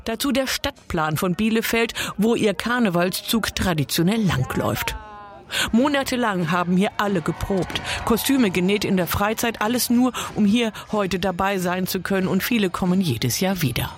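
A reporter reading a scripted voice-over for a news story in a lively way. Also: medium pitch, moderate pace.

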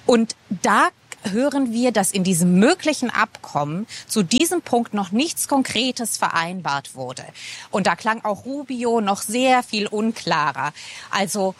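A woman correspondent explaining the news in a measured, explanatory way. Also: mid-range voice, lively intonation.

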